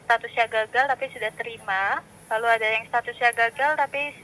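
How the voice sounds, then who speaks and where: A woman's voice: fairly high pitch, fairly even intonation, brisk, bright, forceful tone. A woman in a polite, formal customer service voice, working through scripted help on a call. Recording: phone call recording with clear background noise.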